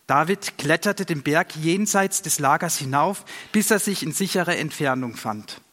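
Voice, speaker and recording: A man narrating a Bible story aloud in a steady, measured storytelling manner. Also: a little high. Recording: long reverb.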